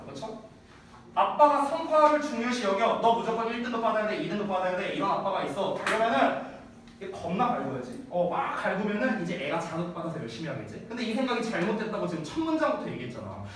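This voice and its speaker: A man in his thirties, an English teacher giving a chatty classroom lecture, often checking whether students follow. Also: sits high. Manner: chatty, animated, asks students rhetorical checks. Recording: echoey room from far off, faint noise.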